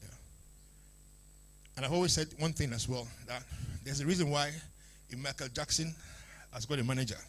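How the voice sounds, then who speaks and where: A man's voice: medium pitch, normal speed, pauses often. A man explaining business points at a talk, stressing phrases by repeating them. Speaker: speaker, media business expert.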